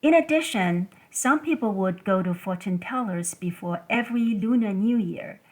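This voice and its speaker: A woman from Taiwan hosts a scripted solo talk in English. She speaks in a measured, deliberate way and sets out her points one at a time. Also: mid-range voice, expressive, low-quality recording. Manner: measured, deliberate delivery listing items one by one. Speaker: podcast host.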